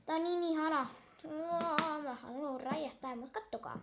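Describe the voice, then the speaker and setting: A young girl chatting casually while unboxing a toy, gushing and excitable, counting down aloud. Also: high voice, dull audio, background noise.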